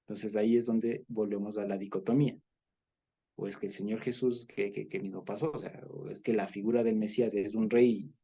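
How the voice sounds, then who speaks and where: Gravelly man teaching scripture. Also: mid-range voice, mellow. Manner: explanatory, repeats words, checks in with listeners. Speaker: Bible study teacher. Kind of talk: Bible study teaching.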